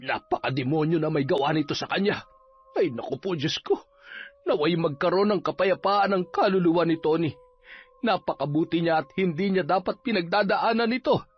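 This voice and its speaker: A man voices a kindly, pious old neighbor woman in a horror audio drama. She speaks softly and motherly, in a husky, hushed tone. The recording is a little dull, with soft music underneath. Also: a little high, normal speed. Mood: mournful.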